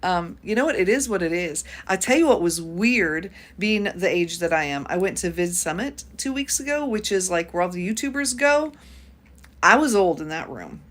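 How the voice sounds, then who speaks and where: A woman's voice: lowish voice, big pitch swings, normal speed. A woman in her fifties from the United States, hosting a casual livestream chat and reading out viewer comments as she talks. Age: 50s. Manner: chatty, reads out viewer comments. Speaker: YouTube host.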